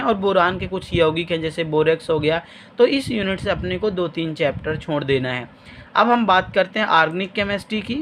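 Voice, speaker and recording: A man's voice: high-pitched, a bit bright, a little hiss or hum. A man with a Madhya Pradesh Hindi accent, a chemistry teacher explaining an exam blueprint over a shared screen and telling students plainly what to study. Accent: Hindi-speaking Madhya Pradesh.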